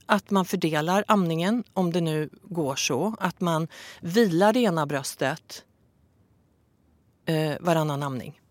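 A woman calmly explaining breastfeeding advice in a casual podcast talk, with some fillers. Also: sits low, no echo.

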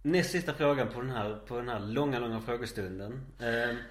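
A man from Malmö hosting a casual podcast, asking his guest questions in a relaxed way. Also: mid-range voice, roomy sound, a little hiss or hum. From Malmö, Sweden. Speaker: podcast host.

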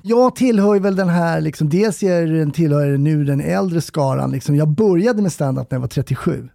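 A man's voice: fairly high pitch, animated, vocal fry, warm tone, no echo, clean studio sound. A man in his fifties, a comedian and podcast guest, chatting casually and rambling with frequent laughter. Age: 50s. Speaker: comedian and podcast guest, former police officer.

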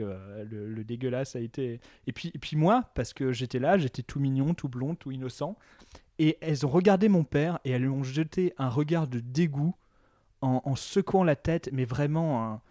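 A man's voice: medium pitch, moderate pace, warm tone, dry recording, clean studio sound. A young man telling a funny embarrassing story in casual podcast chat, self-mocking, laughing now and then, with frequent hesitations. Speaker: podcast guest.

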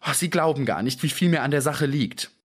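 A man voicing a small, frightened man who speaks in a high, unsteady, pleading voice. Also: brisk, breathy edge. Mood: desperate hope. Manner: high, trembling, anxious voice.

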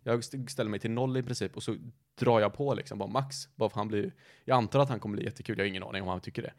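A man in casual podcast chat, telling a story at length, rambling and often correcting himself mid-sentence. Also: lowish voice. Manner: rambling, self-correcting, lots of fillers. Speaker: podcast host.

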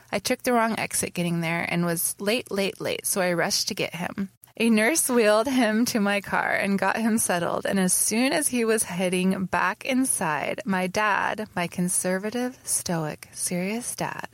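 A woman's voice: medium pitch, no echo. A woman co-hosts a podcast, reading listener letters in an easy mid-range voice and breaking into laughter and frank cursing along the way. The sound is close and dry, with no room around it. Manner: laughs often, swears casually, reads letters aloud with animated asides. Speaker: podcast co-host.

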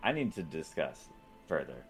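A man with a very low voice playing his character in a tabletop game. He talks emphatically and swears freely. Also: very animated, moderate pace, gravelly, slightly rough, faint music behind. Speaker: player.

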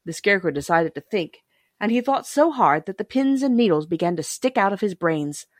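A woman's voice: mid-range voice, expressive, a little fast, no echo, clean studio sound. A woman reading scripted storybook narration as an audiobook narrator.

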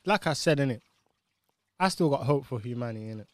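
A man's voice: medium pitch, animated, quick pace, slight background noise. A man with a British urban roadman accent, chatting casually in street slang and arguing his point emphatically. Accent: British urban street (roadman) English. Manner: emphatic, argumentative, repeats tag questions.

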